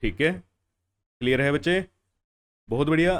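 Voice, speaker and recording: A man's voice: a little high, animated, moderate pace, a bit bright. A young adult man teaching chemistry in a classroom lecture. He asks questions and answers them himself, repeating key phrases and calling the students "beta". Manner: calls students "beta" and "bhaiya".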